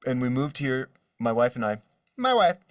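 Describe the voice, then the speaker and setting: Speaking at a moderate pace with big swings in his mid-range pitch, a man answers interview questions about his career in voice acting. The chat is casual and the sound is studio-clean, but the distant mic picks up a roomy feel in the indoor space, where drawings hang behind him.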